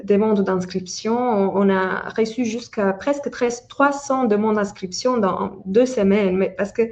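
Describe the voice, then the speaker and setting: A woman's voice: mid-range voice, vocal fry, a little mellow, dull audio. A woman from Italy who speaks French with an Italian accent, explaining research as an expert in a webinar, with frequent restarts and hesitations. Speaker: parental burnout researcher.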